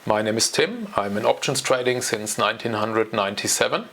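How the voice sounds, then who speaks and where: A German man in his forties, with a German accent, talks alone to the camera at home on his own channel. His voice is lowish and fairly bright, with lively intonation and a slightly quick pace. He sounds casual and hesitant, using lots of ums and uhs.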